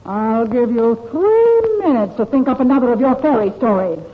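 An actress playing a sharp-tongued wife who grills her husband with sarcasm, in 1940s radio acting. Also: fairly high pitch, animated, normal speed, lightly acted. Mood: sarcastic. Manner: sarcastic, cutting. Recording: muffled old radio recording with hiss.

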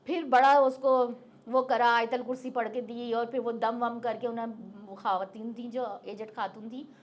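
A middle-aged interview guest recounts a personal experience in a slightly high voice with a steady tone and normal speed. The story comes out casual and vivid, full of detail and acted-out quotes.

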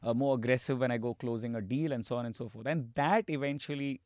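A man with an Indian accent giving casual, explanatory talk in a halting way as a podcast guest. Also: mid-range voice, darkish tone, dry recording, clean studio sound.

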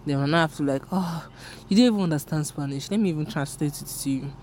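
Her voice sits low with a darkish tone, and she talks quickly over a little hiss or hum. She's a young adult from Nigeria, a native Yoruba speaker with a Nigerian English accent, hosting a casual solo podcast full of rambling, frank, self-deprecating talk.

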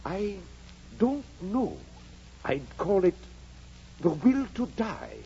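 A man's voice: high voice, big pitch swings, slow, dark tone, a little hiss or hum, exaggerated voice. An actor playing a kindly, blunt middle-aged country doctor, dryly witty and fatherly in 1940s radio acting, on a dull old radio broadcast. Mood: grave. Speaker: Doctor Kenneth.

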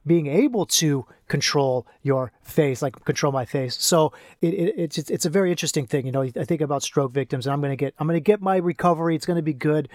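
In a clean studio recording with no echo, a men's coach hosts a casual solo podcast in a fairly high voice, rambling and saying things over again. Half his mouth is paralyzed, so his speech is slightly slurred and his lip consonants are soft, much like someone numb from the dentist.

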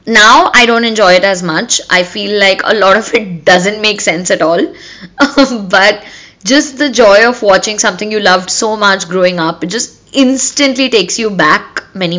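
A woman hosts a casual solo podcast in a North Indian accent. Her voice is bright and forward, sitting at an average pitch for a woman. She talks conversationally, mixing Hindi phrases into her English. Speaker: podcast host.

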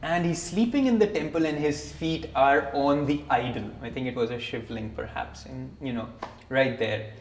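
A man giving a relaxed, conversational scripture talk, telling stories and often chuckling. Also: medium pitch, moderate pace, a little hiss or hum. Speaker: spiritual teacher. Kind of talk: scripture discourse with storytelling. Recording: echoey room.

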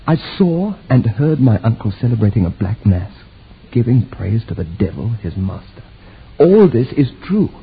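A tinny, narrow-band radio drama recording carries a haunted narrator. His voice is rather low and very rough and husky, his first-person telling deliberate and brooding. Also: exaggerated voice. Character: haunted, troubled nephew recounting his strange tale.

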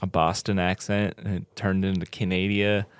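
A man's voice: low-pitched, level tone, normal speed, smooth, no room sound, studio quality. A man casually chatting as a podcast co-host and player, laid-back and joking, with trailing phrases. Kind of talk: casual chat.

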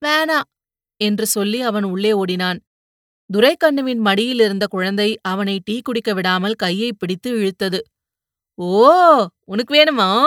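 A woman narrating a story in a steady, measured reading. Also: mid-range voice, no room sound, studio quality. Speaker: audiobook narrator. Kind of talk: scripted narration.

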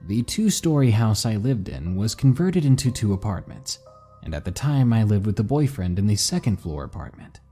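A man narrating spooky stories in a slow, hushed, dramatic way. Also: lowish voice, big pitch swings, slightly rough, soft background music. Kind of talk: scripted story narration.

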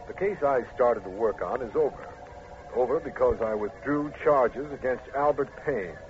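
An actor playing an earnest, formal and authoritative district attorney in a 1950s radio drama, speaking in a measured way. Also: male voice, mid-range voice, close to an everyday voice. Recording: noisy, dull old radio recording.

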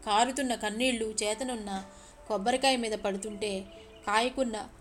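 A woman narrating a story in an expressive, emotional way. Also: fairly high pitch, moderate pace, faint music behind.

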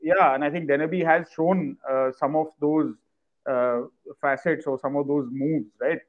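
A man's voice: fairly high pitch, fairly even intonation, moderate pace, narrow, tinny audio. A man with an Indian accent speaking as a guest in a casual panel discussion.

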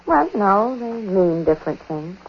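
An actress playing a musing, superstitious young wife in a 1940s radio drama, with a tentative, wondering manner. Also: female voice, mid-range voice, big pitch swings, moderate pace. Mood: wondering, uneasy. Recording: muffled, noisy 1940s radio recording.

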